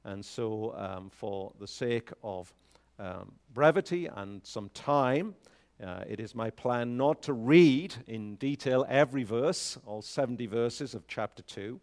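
A man speaks from a pulpit microphone in a church, reading scripture at a slow, deliberate pace. His voice sits at an ordinary middle pitch and swells with emphasis on key lines. Between readings he speaks more loosely, with frequent fillers. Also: animated, a little mellow. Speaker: pastor. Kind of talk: scripture reading and sermon announcements.

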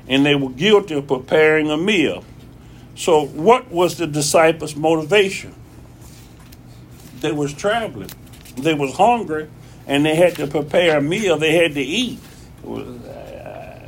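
Male pastor, folksy conversational sermon, slightly raised pitch. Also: slight background noise. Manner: folksy, repeats phrases for emphasis. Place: church.

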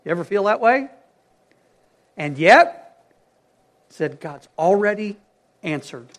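A man preaching a sermon, stressing key words loudly and dropping to hushed phrases, asking his congregation questions. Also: high voice, big pitch swings, slow. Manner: emphatic, swings between loud stresses and hushed phrases.

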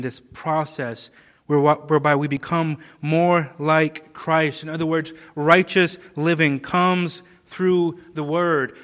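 A man preaching an expository sermon, slow and deliberate, with emphatic rises and falls. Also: on the high side, fairly bright tone, long reverb tail.

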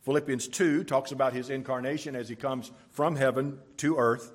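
Husky-voiced man preaching a sermon. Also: medium pitch, fairly even intonation, normal speed. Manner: reads scripture aloud with emphatic rises. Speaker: pastor. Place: church sanctuary.

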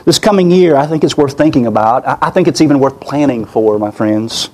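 A man's voice: medium pitch, expressive, brisk, a little mellow. A man preaching a sermon in an earnest way, often repeating and restarting his words, his voice weak and worn.

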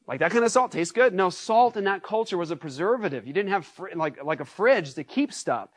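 A pastor preaching a sermon in a lively, conversational way, asking the congregation rhetorical questions. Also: male voice, high voice, a little fast, dry recording. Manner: acts out shouted scenes.

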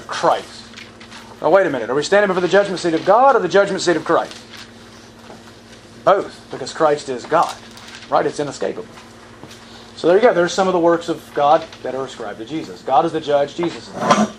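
Emphatic higher-voiced male Bible teacher. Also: a little hiss or hum, rough recording. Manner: emphatic, asks the audience questions and repeats verses. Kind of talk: sermon-style Bible teaching.

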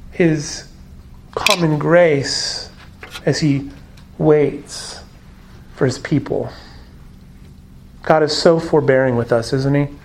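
High-voiced man preaching earnestly. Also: low-quality recording. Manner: earnest, emphatic preaching with rhetorical questions. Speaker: pastor. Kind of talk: sermon.

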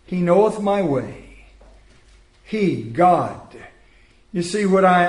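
A man preaches with a fairly high voice, taking his time over every phrase. He leans on words and repeats them for emphasis, and the room around him rings with echo. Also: a little mellow. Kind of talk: sermon.

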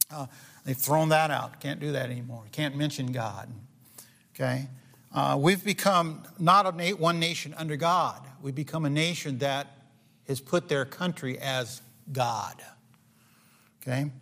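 A man's voice: on the high side, gravelly, fairly bright tone. A man preaching a sermon to a congregation, earnest, with frequent fillers and restarts, often asking his listeners questions. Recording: long hall reverb.

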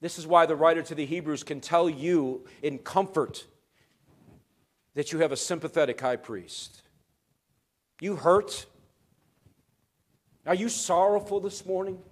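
A pastor delivers a sermon in a fairly high male voice. He pushes phrases up loud and emphatic, then lets them fall quiet and low. The preaching is earnest and emphatic throughout. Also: a little slow, pauses often.

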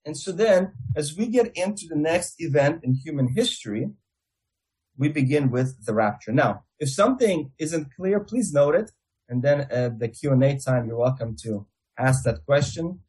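A man's voice: a little high, expressive, normal speed, a little mellow, slightly rough, low-quality recording. A man with a Russian accent giving a theology lecture as a Bible teacher, explaining things step by step.

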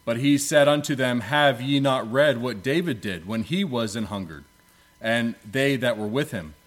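Solemn preacher at a pulpit microphone. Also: male voice, medium pitch. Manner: solemn, measured reading in archaic biblical English. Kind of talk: prayer and scripture reading in church.

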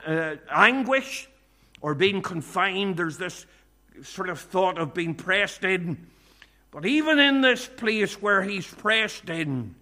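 A man preaching a sermon at a church meeting, earnest and measured, often quoting scripture. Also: high-pitched, pushed and bright.

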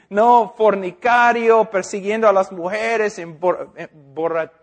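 A man's voice: high-pitched, steady tone, slow pace. A man, an English speaker, preaches informally in Spanish, correcting himself and checking that listeners follow. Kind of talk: informal teaching sermon.

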